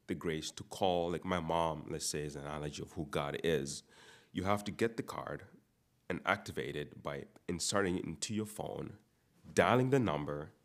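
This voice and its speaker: A man from Uganda preaching a sermon, repeating words and restarting phrases as he builds emphasis. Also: low-pitched.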